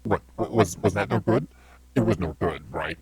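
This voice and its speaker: A man playing a bumbling, insecure demon from another dimension in a comic horror audio drama, with a rough, husky voice. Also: fairly low pitch, moderate pace, a little mellow. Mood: anxious, apologetic. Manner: apologetic, self-doubting.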